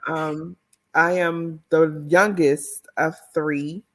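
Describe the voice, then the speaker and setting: A woman's voice: low-pitched, very slow. A middle-aged woman from the Washington, D.C. area, an author and educator telling her story in an interview. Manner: expressive, animated storyteller.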